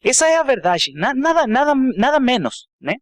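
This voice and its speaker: A man with a Spanish accent speaking non-native Portuguese in halting phrases, giving a church testimony as a guest preacher. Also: extremely high pitch, big pitch swings, no room sound, clean studio sound. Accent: foreign Spanish-speaking accent in Portuguese. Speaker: guest missionary speaker and theology student.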